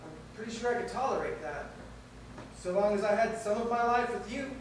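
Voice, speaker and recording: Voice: medium pitch, expressive, fairly quick, natural voice. An actor plays an awkward nurse who rambles nervously while confessing love. The voice comes from far away in a very echoey theatre, with faint room noise behind. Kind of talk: stage play acting. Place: theatre stage.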